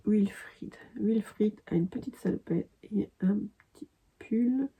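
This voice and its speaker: A woman's voice: medium pitch, a little slow, dark tone, a little hiss or hum. A woman from France talking casually in a crafting vlog, hesitant with many fillers and restarts. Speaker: crafting vlogger. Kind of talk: casual chat.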